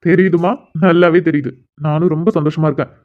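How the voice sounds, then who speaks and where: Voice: mid-range voice, fairly even intonation, phone-quality sound, natural voice. A performer voicing a caring older brother who teases and comforts his sister, in a cartoon. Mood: teasing. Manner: teasing, reassuring, quick. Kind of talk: cartoon voice acting.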